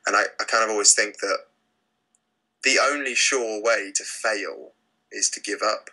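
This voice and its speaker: Young British singer in a relaxed chat: lowish voice with a very bright edge, halting with plenty of fillers. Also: male voice, rough recording. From Britain. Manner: relaxed, hesitant, lots of fillers and restarts. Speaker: lead singer of a rock band. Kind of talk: casual interview.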